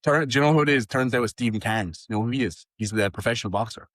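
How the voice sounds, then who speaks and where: A young Irish man from Tipperary chatting casually on a podcast, animated and swearing freely. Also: medium pitch, racing, no room sound, clean studio sound. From Ireland. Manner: animated, swears freely, does impressions of accents. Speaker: podcast host. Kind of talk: casual chat.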